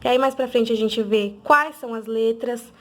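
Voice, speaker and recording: In an instructional video for parents, a female literacy teacher patiently sounds out letters, slow and clear. Her voice is a little high.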